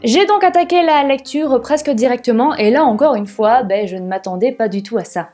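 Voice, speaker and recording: A woman's voice: fairly high pitch, fairly quick, mellow, soft background music. Chatty young woman reviewing books. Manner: chatty, candid, with frequent fillers. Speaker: book vlogger. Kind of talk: casual book review.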